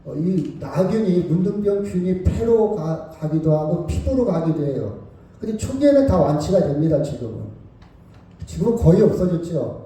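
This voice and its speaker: A man's voice: fairly high pitch, lively intonation, moderate pace, warm tone, very echoey, recorded from a distance, poor audio. A male pastor preaching a sermon, retelling a story, acting out its quoted lines and asking the congregation questions. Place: church hall.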